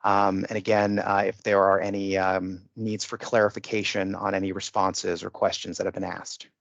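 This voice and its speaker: A procurement official leads a bid conference call, methodically delivering a formal procedural briefing and stressing the rules emphatically. His voice sits low with little pitch movement, normal speed, vocal fry and a fairly bright tone; there's no room sound, and the call audio is muffled and dull.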